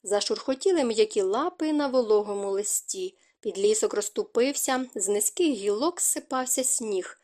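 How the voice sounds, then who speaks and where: A woman narrating a fantasy novel as an audiobook in a steady, expressive reading. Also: mid-range voice, normal speed, hardly any pauses. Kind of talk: scripted narration.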